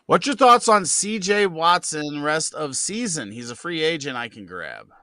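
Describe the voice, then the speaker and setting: A man's voice: a little high, very animated, unhurried, pushed and bright, dry recording. A man co-hosting a live fantasy football Q&A, reading viewer questions in an easygoing way with fillers. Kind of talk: casual live Q&A chat.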